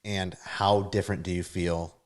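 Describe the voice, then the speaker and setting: A man's voice: low voice, level tone, moderate pace. A man hosting a podcast, chatting casually and asking eager follow-up questions. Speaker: podcast host. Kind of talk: casual interview chat.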